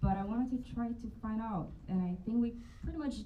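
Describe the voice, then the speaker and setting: A Bulgarian actress on a panel answers Q&A questions, telling her story with animation and thought. Her voice is a little high and brisk. She's picked up from a distance, so the recording sounds muffled with faint noise beneath.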